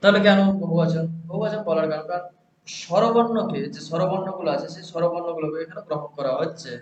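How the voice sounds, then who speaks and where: A man's voice: fairly high pitch, fast talker, a crowd in the background. A man teaching a grammar lesson, who explains step by step and asks and answers his own questions. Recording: echoey, dull lo-fi room recording with faint hiss.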